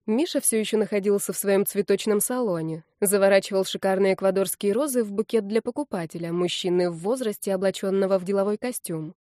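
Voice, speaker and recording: A woman narrating a first-person novel with lively expression. Her voice is warm and mellow, recorded dry and close with no room around it. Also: mid-range voice, fast, few pauses, no echo. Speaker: audiobook narrator.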